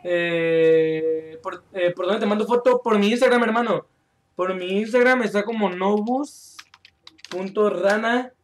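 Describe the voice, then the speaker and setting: Man, young, high-pitched, joking, chatty, live game stream. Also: steady tone, unhurried. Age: young adult. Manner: chatty, joking, reads chat aloud and calls out mid-game. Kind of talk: live gameplay stream chat.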